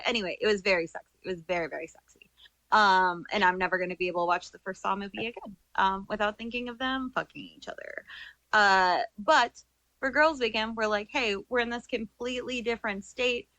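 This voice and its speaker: Bright-voiced woman telling bawdy stories. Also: medium pitch, brisk, no room sound, rough recording. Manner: bawdy, deadpan joking, profane. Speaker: podcast co-host. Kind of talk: casual storytelling banter.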